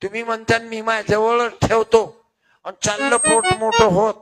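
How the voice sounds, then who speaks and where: A man's voice: sits high, monotone, normal speed. An older man, preaching a folk kirtan and teasing his audience. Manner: chatty, teasing, calls on audience members. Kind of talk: devotional folk sermon with audience. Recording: loud accordion music behind.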